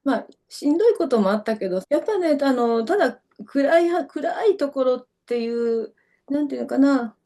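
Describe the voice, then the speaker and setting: Mellow, chatty Kansai woman. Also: a little high. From Kyoto, Japan. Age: middle-aged. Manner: chatty, rambling storytelling with many fillers. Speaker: classical dancer, interview guest. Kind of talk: casual interview chat.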